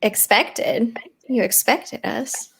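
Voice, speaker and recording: A woman's voice: a little high, steady tone, slow, gravelly, fairly bright tone, low-quality recording. A woman playing a tabletop game, chatting casually as she plays.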